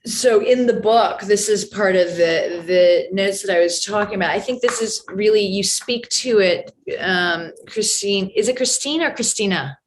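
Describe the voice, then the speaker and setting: A woman's voice: medium pitch, unhurried, few pauses, slight background noise. A woman moderating an online discussion, talking thoughtfully with many fillers. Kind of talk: casual discussion on a video call. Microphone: video call.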